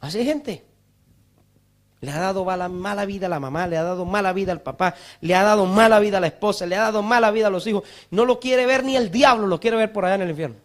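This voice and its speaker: A male pastor preaching a fervent sermon in church, rising to shouts on scripture and mocking wailing sinners. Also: sits high, quick pace.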